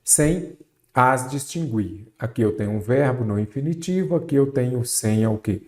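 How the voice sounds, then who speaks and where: A man's voice: medium pitch, expressive, darkish tone. A man teaching Portuguese grammar for an exam, often posing a question and answering it himself and stretching out key words. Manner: drawn-out stress on key words. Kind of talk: exam-prep grammar lesson.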